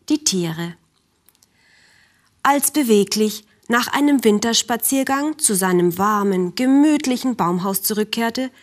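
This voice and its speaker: A woman narrating a children's story in a gentle, calm way, speaking directly to the children. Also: mid-range voice.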